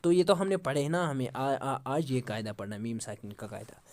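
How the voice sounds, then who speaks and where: A man teaching Quran recitation rules. He asks questions, answers them himself, recites example words slowly and drawn out, and often praises with mashallah. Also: mid-range voice, expressive, a little mellow. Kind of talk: Quran tajweed lesson.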